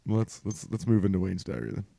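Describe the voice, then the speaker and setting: A man co-hosting a casual podcast, excitable and jokey, laughing often. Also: low voice, a little fast, gravelly, no room sound. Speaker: podcast co-host. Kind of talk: casual banter.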